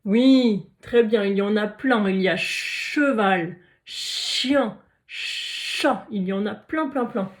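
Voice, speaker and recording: A woman's voice: medium pitch, normal speed, few pauses, darkish tone. A woman teacher giving a recorded phonics lesson to young children, carefully sounding out letters and syllables and praising the listeners often. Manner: encouraging, praising.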